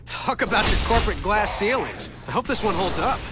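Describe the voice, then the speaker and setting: High-pitched, animated young American superhero. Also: male voice, fairly quick. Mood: wry. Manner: sarcastic, quipping. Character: young male superhero, wisecracking, harried, brave. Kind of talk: animated video game voice acting. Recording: loud music behind the voice.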